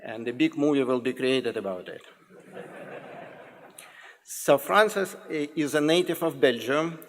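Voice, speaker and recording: A man with a Russian accent giving a joking, formal introduction to a public lecture, pausing and restarting often. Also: medium pitch, expressive, a little hiss or hum. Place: large lecture hall. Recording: lecture hall with long reverb.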